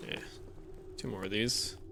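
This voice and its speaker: A man's voice: unhurried, noisy background. A man giving casual, offhand gameplay commentary for a walkthrough, partly talking to himself.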